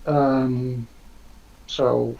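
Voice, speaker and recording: A man's voice: medium pitch, little pitch movement, very slow, vocal fry. A man, hosting a live Q&A on a video call, talking hesitantly with many fillers. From Netherlands. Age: 50s. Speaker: host. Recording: dull lo-fi audio.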